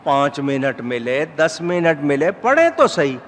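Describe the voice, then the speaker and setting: A man's voice: a little high, very animated. Man preaching in a reverberant hall. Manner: measured, rising to emphatic exhortation. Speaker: Islamic scholar. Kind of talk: sermon. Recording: hall reverb with faint background noise.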